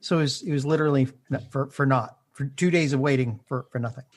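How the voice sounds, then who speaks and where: A man in his forties co-hosting a casual podcast over a video call, wry and halting. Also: mid-range voice. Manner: wry, dry humor, halting restarts. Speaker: podcast co-host. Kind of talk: casual chat. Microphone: recording over a video call.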